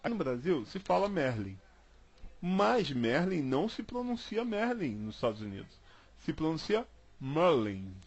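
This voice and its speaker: A man's voice: high-pitched, big pitch swings, normal speed. A man from Brazil leading an informal Bible study, chatty and repetitive, spelling words out letter by letter. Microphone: online call.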